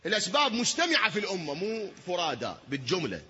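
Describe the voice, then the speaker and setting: A man preaching a sermon in an Iraqi accent, asking the listeners rhetorical questions and swinging between hushed tones and shouting. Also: sits high, wildly swooping pitch, fast, husky. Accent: Iraqi Arabic. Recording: dull lo-fi recording.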